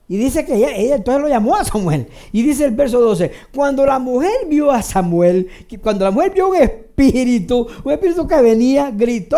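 Animated, mellow-voiced preacher. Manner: repeats phrases for emphasis; swings between raised emphatic lines and low quiet asides. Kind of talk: sermon.

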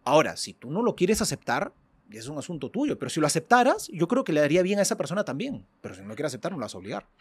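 A man's voice: on the high side, very animated, very fast, husky. A man, a priest, talking in a casual chat, acting out little dialogues in other voices and laughing often.

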